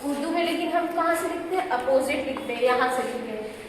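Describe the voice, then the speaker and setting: A woman's voice: high-pitched, quick pace, a little hiss or hum. A woman teaching an Urdu class in a school classroom, mixing Hindi and English and often checking that students understood. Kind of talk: classroom lesson. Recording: distant voice in echoey hall.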